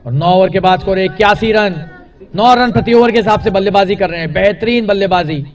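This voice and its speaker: A man's voice: high voice, a little fast, recorded from a distance. A man giving live cricket match commentary, describing the play in short phrases.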